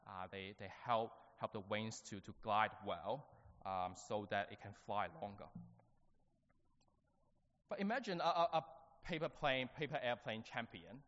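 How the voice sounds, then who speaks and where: A man delivers a sermon to his congregation in a hesitant, stop-start way, often repeating words and filling pauses. His voice carries a long, hall-like reverb, and the recording sounds somewhat dull and muffled. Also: on the low side, fairly bright tone. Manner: halting, with many fillers and restarts. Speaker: preacher.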